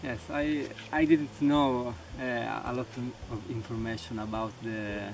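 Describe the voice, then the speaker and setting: A young man from Sicily, an Italian speaker, answering questions about volunteering in a halting way with many restarts. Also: mid-range voice, noisy background. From Sicily, Italy. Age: young adult. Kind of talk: interview answers. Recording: distant mic with loud music.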